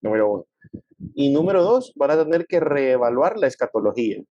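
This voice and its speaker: A man explaining his views in a conversational discussion, acting out quoted people with lively voices. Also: medium pitch, brisk, muffled recording, slight background noise. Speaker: guest speaking on theology.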